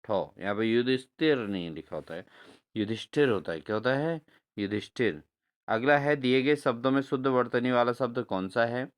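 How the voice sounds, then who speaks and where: A man teaching a spelling lesson for exams, repeating each answer back to his viewers and spelling words out slowly syllable by syllable. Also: mid-range voice. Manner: repeats answers as questions to viewers, addresses them as friends. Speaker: exam-prep teacher. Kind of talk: spelling lesson for exam prep.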